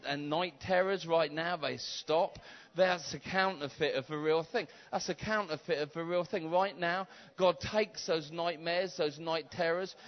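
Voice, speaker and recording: A man preaching and praying in a charismatic sermon. He is fervent and repeats phrases insistently, moving between hushed prayer and shouted exhortation. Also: fairly high pitch. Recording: dull lo-fi recording.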